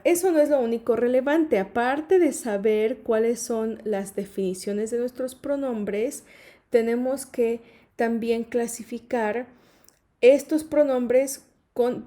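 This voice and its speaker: A woman's voice: fairly high pitch, unhurried, mellow. Woman teaching English grammar. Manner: patient, repeats points with "¿sí?" and "¿ok?". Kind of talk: explaining grammar.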